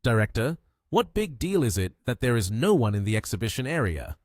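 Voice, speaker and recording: A man's voice: medium pitch, big pitch swings, brisk, no room sound, clean studio sound, close to an everyday voice. A man voicing a young female staff member who asks plain, questioning things of her boss.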